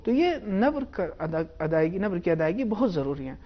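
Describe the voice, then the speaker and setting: A man teaching Quran recitation rules, explaining in a measured way and slowing down to demonstrate pronunciation. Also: sits high, sing-song, highs cut off.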